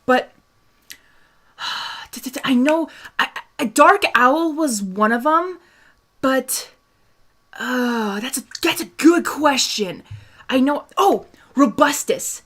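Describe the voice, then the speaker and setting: Answering questions from her viewers, this young woman from Hungary runs an easygoing fan chat full of giggles, fillers and restarted sentences. She speaks slowly and expressively in a high, fairly bright voice, leaving long pauses.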